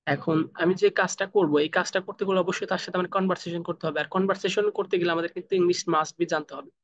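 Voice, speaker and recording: A man with a Bangladeshi accent teaching a spoken English class over a video call, drilling pronunciation slowly, sound by sound. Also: sits high, steady tone, muffled recording.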